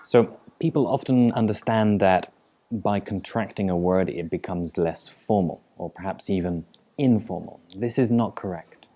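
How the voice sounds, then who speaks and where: A man with a low voice and a moderate pace teaches from an English textbook. He explains calmly and repeats words so learners can work on their pronunciation.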